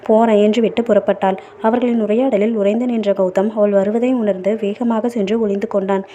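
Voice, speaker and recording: A woman storyteller reading a novel aloud in a steady, even narration. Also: mid-range voice, a little fast, muffled recording, a little hiss or hum.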